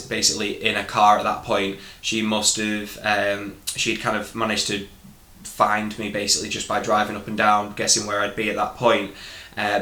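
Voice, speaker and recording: A man's voice: fairly low pitch, pushed and bright. A man with a Northern English accent recounting things casually to camera as a vlogger, candid and a little hesitant, in a roomy echoing recording. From northern England.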